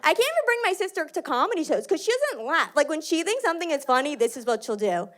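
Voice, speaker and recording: Loud New woman doing stand-up. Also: sits high, fast. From New York. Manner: loud, animated, acts out characters. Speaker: stand-up comedian. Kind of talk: stand-up comedy set.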